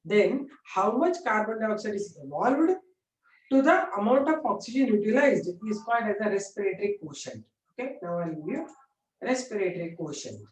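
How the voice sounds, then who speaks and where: A woman's voice: mid-range voice, expressive, normal speed. A woman with an Indian accent teaching informally like a classroom lecturer, repeating points and often checking that students follow. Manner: repetitive explaining with frequent check-in questions. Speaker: biology teacher. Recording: echoey room, distant mic.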